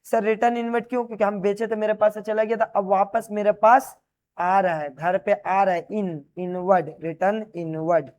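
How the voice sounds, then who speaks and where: A man's voice: high voice, steady tone, normal speed, a little mellow. A man teaching a class, who asks his students questions and answers them himself while he writes on a board. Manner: repeats key terms as questions and answers them; explains while writing on a board. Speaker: commerce teacher.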